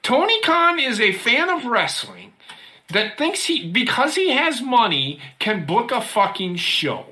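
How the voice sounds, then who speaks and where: A woman's voice: a little high, sing-song, a little slow, pushed and bright. A woman co-hosting a podcast, ranting heatedly and swearing freely in casual chat. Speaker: podcast co-host.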